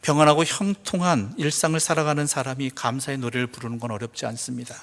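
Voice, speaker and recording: Korean pastor preaching in a reverberant church. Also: male voice, mid-range voice, fairly even intonation, fast. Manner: swings between loud emphatic preaching and hushed near-whispers; asks rhetorical questions. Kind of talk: sermon. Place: church sanctuary. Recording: church hall with long reverb.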